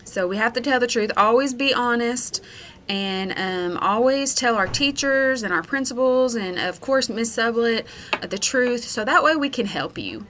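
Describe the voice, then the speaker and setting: Bright-voiced woman teaching kids. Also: on the high side, lively intonation, moderate pace, slight background noise. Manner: checks in with "okay?" after nearly every point; patient, explaining, storytelling. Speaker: school educator. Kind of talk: character lesson for children.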